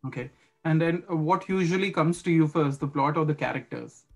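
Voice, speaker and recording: A man's voice: on the high side, brisk, gravelly, low-quality recording. A man hosting a podcast interview who asks questions hesitantly, with many fillers and restarts. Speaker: podcast host.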